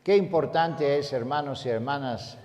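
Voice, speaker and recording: A male pastor preaching a sermon as a story, swinging from loud emphasis down to a hush. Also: mid-range voice, normal speed, long reverb tail. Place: large hall at a church congress.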